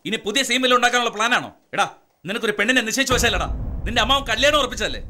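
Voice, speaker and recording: An actor playing a proud, hot-tempered middle-aged police commissioner who scolds with contempt in dramatic film dialogue. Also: male voice, very high voice, lively intonation, very fast, pushed and bright, slight background noise, heavily acted. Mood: angry.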